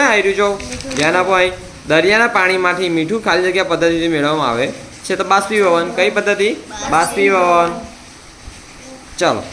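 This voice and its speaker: A man's voice: sits high, pushed and bright, a little hiss or hum. A man teaching a science class with a Gujarati accent, drilling students by asking a question and repeating the answer again and again. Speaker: tuition teacher. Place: tuition classroom.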